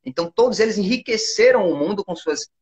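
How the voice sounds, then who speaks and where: A man's voice: high voice, animated, fast talker, lo-fi sound. A young man in his early twenties with a Brazilian accent, explaining his views earnestly as an interview guest and often asking for agreement. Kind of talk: conversational interview.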